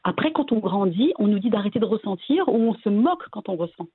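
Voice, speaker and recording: A woman from Belgium, a guest talking casually and hesitantly about her family, with many pauses and restarts. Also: medium pitch, expressive, slightly rough. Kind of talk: casual interview conversation. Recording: tinny phone-like line.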